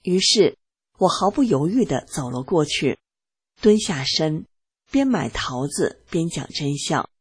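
Woman, radio reader, husky voice, lively pitch, earnest scripted reading. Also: unhurried, no room sound, clean studio sound. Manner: steady, earnest recitation. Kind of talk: scripted reading of a first-person testimony.

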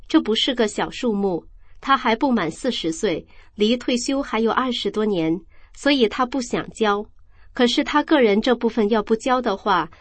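Woman reading a personal account calmly. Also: fairly high pitch, no room sound.

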